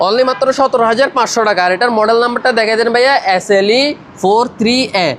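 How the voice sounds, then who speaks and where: Fast-talking shopkeeper making a sales pitch. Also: male voice, a bit bright. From Bangladesh. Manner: fast, repetitive selling patter. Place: roadside shop by a highway. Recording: faint traffic noise. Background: traffic noise.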